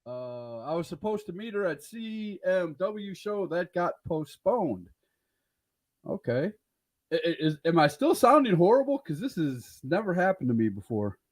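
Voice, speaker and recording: A man's voice: high voice, very animated, measured pace. A man hosting a podcast interview over an online call, his voice coming through glitchy, robotic, scratchy and cutting in and out. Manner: easygoing, laughs things off. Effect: glitchy robotic call audio, cutting in and out and scratchy. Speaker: podcast host. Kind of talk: casual interview chat.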